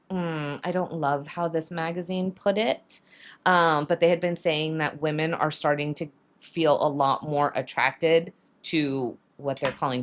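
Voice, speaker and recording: Chatty woman with a lower voice. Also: slight background noise. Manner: animated, gushing fan talk with laughs. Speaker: podcast co-host. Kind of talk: casual chat while crafting.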